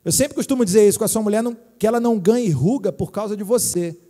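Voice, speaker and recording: A man's voice: sits high, fast, dark tone. A middle-aged Brazilian man preaching a sermon as a pastor, chatty and joking, checking in with the crowd. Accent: Brazilian Portuguese. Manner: joking, chatty preaching with many tag questions. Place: church hall. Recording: hall reverb.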